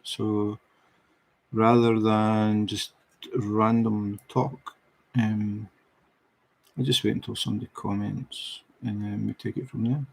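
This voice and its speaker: A middle-aged Scottish man with a Scottish accent hosts a diamond painting livestream, chatting casually with viewers in a relaxed, unhurried way. His voice sits on the low side with vocal fry, and the audio quality is poor.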